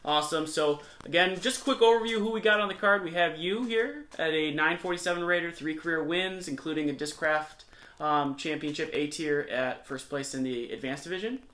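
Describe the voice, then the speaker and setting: A man with a slightly higher voice calls a disc golf round in a chatty, upbeat way, full of fillers and quick asides. He has a light Michigan accent and is recorded outdoors on the course. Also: sharp tone. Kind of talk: casual tournament commentary.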